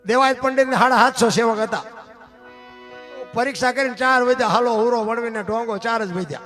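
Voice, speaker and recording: A man performs dayro storytelling on stage, his voice pitched very high. He chats with the crowd in a folksy way, then drives through alliterative verse lists in a steady rhythm. Folk instruments play clearly underneath him. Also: fairly quick. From Gujarat, India. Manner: folksy, chatty asides to the audience. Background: folk instrumental music.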